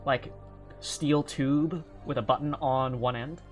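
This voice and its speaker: A man's voice: mid-range voice, fairly even intonation, takes it slowly. Casual male game master over music. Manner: informal, sweary. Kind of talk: casual improvised tabletop game narration.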